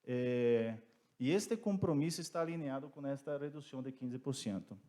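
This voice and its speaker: A man with a Brazilian Portuguese accent giving panel remarks in careful, deliberate Spanish mixed with Portuguese, as a native Portuguese speaker. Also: medium pitch, mellow. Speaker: petrochemical company representative, panelist. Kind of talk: prepared remarks at a conference panel.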